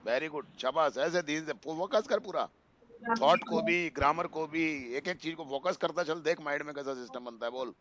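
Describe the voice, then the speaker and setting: A man teaching an online spoken English class, patiently encouraging students and gently correcting their grammar over a video call. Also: on the high side, moderate pace.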